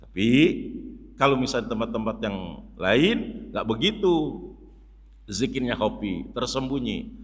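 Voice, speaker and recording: A man giving a mosque sermon in a lively, joking way, often turning to his listeners and acting out shouts. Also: medium pitch, a little slow, long pauses, slightly rough. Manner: lively, jokey, addresses listeners as "Pak", acts out shouts. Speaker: Islamic preacher. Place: mosque hall. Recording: long reverb of a hall.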